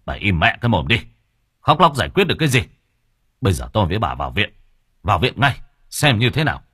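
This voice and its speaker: A man's voice: sits low, sing-song, a little fast, fairly bright tone, no room sound, studio quality, full character voice. A man playing a short-tempered older father who scolds bluntly. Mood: gruff.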